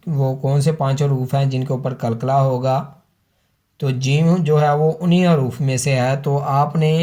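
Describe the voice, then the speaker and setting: A man with a Pakistani Urdu accent teaching children to read the Quran, slowly spelling out and repeating each syllable for his students. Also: medium pitch, darkish tone. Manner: addresses viewers as students. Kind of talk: slow recitation lesson for children.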